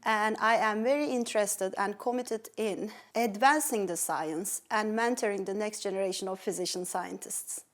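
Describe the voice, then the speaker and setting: A middle-aged Turkish woman, a pediatric endocrinologist appearing as an interview guest, earnestly recounts her life story in a Turkish accent. Her medium-pitched voice moves at normal speed with hardly any pauses, though she uses fillers and restarts.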